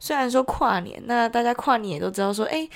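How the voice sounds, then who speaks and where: She's an entrepreneur and podcast host recording a solo audio diary, chatting casually with a Taiwanese accent. A heavy cold leaves her voice nasal and congested, yet it sits a little high, with lively intonation, and she talks fast.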